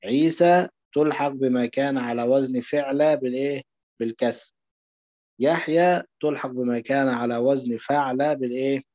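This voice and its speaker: Mellow-voiced Egyptian man teaching. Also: medium pitch, steady tone, normal speed, no room sound, highs cut off. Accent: Egyptian Arabic. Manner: asks questions and answers them himself. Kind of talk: explaining a lesson.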